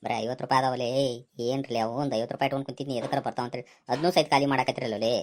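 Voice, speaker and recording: A woman playing a scheming young village guy in a comic skit, with a North Karnataka Kannada accent and rapid, scolding banter. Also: rumbling low, fairly even intonation, darkish tone.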